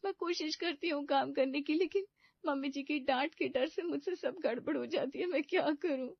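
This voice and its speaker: Woman doing a timid, high-pitched young bride. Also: fairly quick, close to an everyday voice. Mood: sobbing. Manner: nervous, pleading, high and tearful. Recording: dull, dry lo-fi voice-over.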